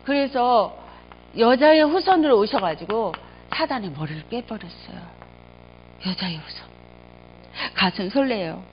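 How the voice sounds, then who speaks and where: A middle-aged woman pastor preaches with fervor, her voice pitched somewhat high. She swings from loud exclamations to hushed, low remarks as she tells her stories. The sound is dull and lo-fi. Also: lively intonation, measured pace, pauses often, slight background noise. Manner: emotional storytelling, swings between loud exclamations and quiet low asides. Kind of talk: sermon.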